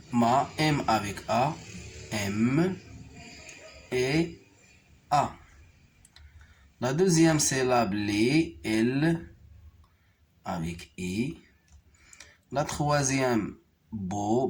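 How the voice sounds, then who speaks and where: Very slow Moroccan French teacher, spelling. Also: male voice, mid-range voice. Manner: slow, deliberate, spells out syllables and letters. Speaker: primary school teacher. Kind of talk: French reading lesson.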